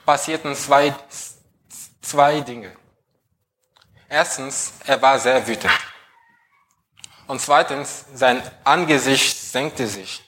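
Male preacher, measured delivery, asks the congregation pointed questions. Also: mid-range voice, a bit bright. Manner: slow, emphatic questions to the congregation. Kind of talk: sermon.

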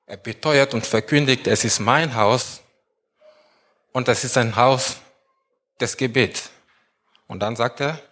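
A man preaching a sermon as pastor, slow and emphatic, often repeating words and phrases. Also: medium pitch, fairly bright tone.

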